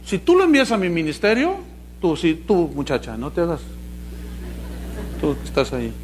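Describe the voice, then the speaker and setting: Brief: high, wheedling money-hungry TV preacher, mocked by a pastor. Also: male voice, huge pitch swings, moderate pace, a little hiss or hum. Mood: wheedling pushy. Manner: wheedling, singling out listeners. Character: greedy pushy male TV preacher begging money.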